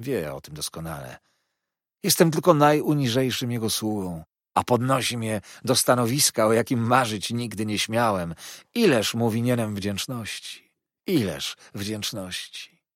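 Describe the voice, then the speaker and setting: Casting note: a syrupy, groveling young clerk, sly and falsely humble, pitched high and pushed loud, read by a man in a storybook reading. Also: sing-song, measured pace, no room sound, studio quality. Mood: fawning. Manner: sugary, wheedling, obsequious.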